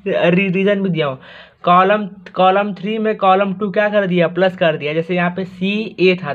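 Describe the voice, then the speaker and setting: A man teaching math, talking through each step in a chatty way and asking the class rhetorical questions. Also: high-pitched. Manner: chatty, asks rhetorical questions, repeats words. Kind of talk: explaining math steps on a board. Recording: tinny phone-like audio.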